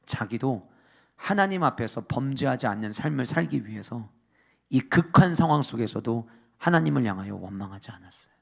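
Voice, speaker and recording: Guy pastor giving a sermon, gets loud and fired up then goes real quiet. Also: mid-range voice, lively intonation, moderate pace, creaky. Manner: dynamic preaching, rising to loud emphatic peaks and dropping to hushed asides.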